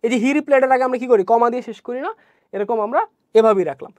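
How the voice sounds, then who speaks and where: A woman's voice: fairly high pitch, brisk, a little mellow, dry recording. A woman teaching an online exam-prep English lesson, explaining step by step and often asking checking questions.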